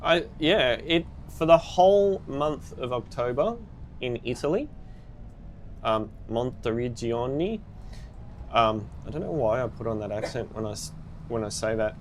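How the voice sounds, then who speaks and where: A man's voice: mid-range voice, normal speed, a little hiss or hum. A man streaming a game live, chatting casually with viewers and reacting with upbeat exclamations.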